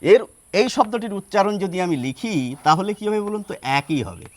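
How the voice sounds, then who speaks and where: A man giving a spoken lesson on pronunciation, spelling words out slowly step by step and asking rhetorical questions. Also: high-pitched, animated, no room sound. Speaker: Bengali pronunciation teacher.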